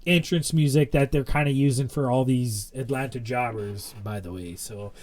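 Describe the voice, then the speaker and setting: A young man talking through wrestling matches in a loose, rambling podcast chat. His voice sits at an ordinary middle pitch, and he fills his thoughts with "like" and "you know" as he goes. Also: moderate pace, a little mellow. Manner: chatty, rambling recap with many fillers. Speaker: podcast co-host.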